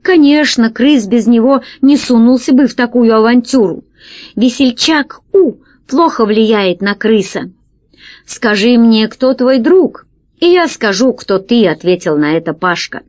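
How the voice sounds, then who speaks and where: A woman's voice: on the high side, expressive, a little slow, a little mellow, highs cut off. A woman narrating a children's science fiction story aloud, reading expressively and shifting her voice for the dialogue. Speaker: audiobook narrator. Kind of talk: scripted narration of a children's sci-fi tale.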